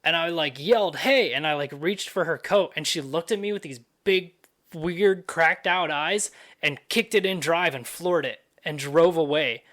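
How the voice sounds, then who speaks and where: A man's voice: fairly high pitch, normal speed, fairly bright tone. A young man hosting a podcast, telling a story in a loose, profane, casual way full of fillers. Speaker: podcast host.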